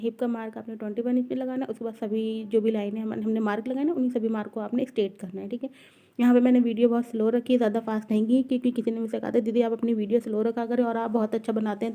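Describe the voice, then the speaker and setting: A woman walks through cutting a dress in a quick tutorial. Her voice is mellow and soft-edged, her pace brisk. She repeats each step patiently. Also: fairly high pitch. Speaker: tailoring teacher.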